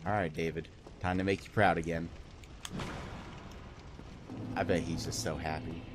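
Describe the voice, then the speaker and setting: A man's voice: sits low, fairly even intonation, a little slow, music in the background. A man giving casual gameplay commentary, rambling, joking and swearing freely. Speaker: let's play host.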